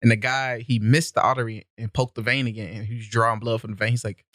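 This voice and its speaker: A young man on a podcast, telling stories in an easygoing, rambling way and laughing along. His voice sits at an ordinary middle pitch, and the sound is close and dry with no room around it. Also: little pitch movement, quick pace, a bit bright, dry recording. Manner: laid-back, laughs often, talks loosely with many "like"s. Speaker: podcast guest. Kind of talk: casual storytelling. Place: podcast studio.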